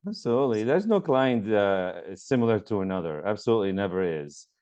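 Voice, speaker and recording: This lo-fi recording has a man from Lebanon, a mortgage broker appearing as a guest, responding sincerely to interview questions over a remote call with frequent ums and uhs. He speaks animatedly and a little fast, his voice lowish with a darkish tone. The exchange is a conversational interview.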